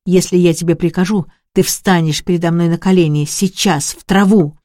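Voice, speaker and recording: A reader voicing a young, gravely ill woman who insists feverishly that she will live and orders others about. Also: medium pitch, steady tone, moderate pace, a little mellow, no echo, studio quality, lightly acted. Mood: commanding. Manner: pleading, then commanding and mocking. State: coughing, short of breath.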